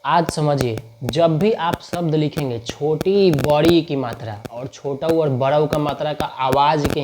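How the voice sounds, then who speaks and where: A man teaching a spoken lesson, chatty, often checking whether learners follow and repeating example words slowly to show their sounds. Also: on the high side, background noise. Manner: chatty, keeps asking learners if they understand. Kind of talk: spoken Hindi writing lesson.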